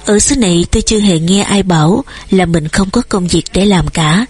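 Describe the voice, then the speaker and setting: A woman's voice: lowish voice, normal speed, darkish tone, slightly rough. A woman reading an audiobook, voicing a stern male police officer in a formal, admonishing way and close to her own voice.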